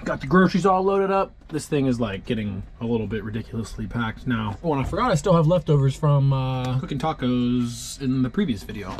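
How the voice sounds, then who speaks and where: Casual man vlogging over clear vehicle noise. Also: lively intonation, fairly quick, few pauses. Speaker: van life vlogger. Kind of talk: casual vlog chat to camera. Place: inside a converted ambulance camper, cab and living area. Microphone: action camera at arm's length or mounted nearby. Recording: clear background noise, vehicle rumble and wind.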